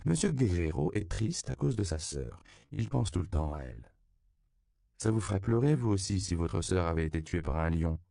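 A man's voice: sits low, animated, normal speed, creaky, mellow, dry recording, studio quality. A man reading an audiobook, voicing a mysterious, alluring woman who speaks in a coaxing yet imperious way.

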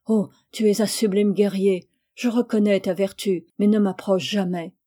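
A woman's voice: medium pitch, warm tone, close to an everyday voice. A woman reading aloud and voicing a desperate, passionate young native woman with an urgent delivery.

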